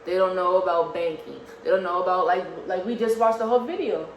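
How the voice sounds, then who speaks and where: A woman's voice: on the low side, quick pace. A woman in her early twenties co-hosting a casual vlog, arguing her point earnestly with many stumbling restarts. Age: early 20s. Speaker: vlog co-host. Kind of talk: casual argument on camera. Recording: echoey room with faint hiss.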